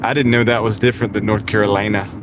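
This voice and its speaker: Speaking fast in a fairly low, level voice, a man chats casually with his livestream audience while driving deliveries. He often greets people and chuckles. There's car road noise behind him, recorded on a small wireless clip-on mic inside the vehicle.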